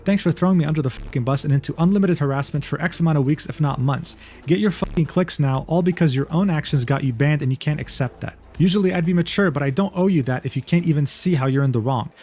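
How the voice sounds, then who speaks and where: A man narrating a commentary video on online drama, reading out messages in a brisk, wry way. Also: a little high, a little mellow.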